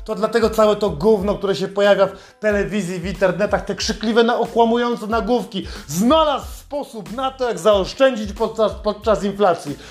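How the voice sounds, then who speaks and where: A man's voice: high-pitched, moderate pace, few pauses. A man hosting a podcast, delivering a sarcastic, heavily profane satirical monologue. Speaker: podcast host.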